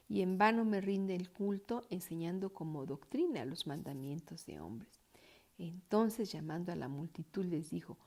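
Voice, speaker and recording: A woman reads Bible passages aloud for her church, slowly and carefully, her soft voice often falling to a breathy near-whisper. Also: on the low side. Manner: slow, careful reading with small slips and restarts. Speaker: church scripture reader.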